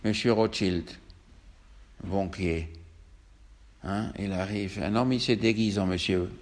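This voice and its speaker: A man in a lively scripture-storytelling lesson, acting out every character in a raspy voice. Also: lowish voice, slow pace. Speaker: storyteller teacher.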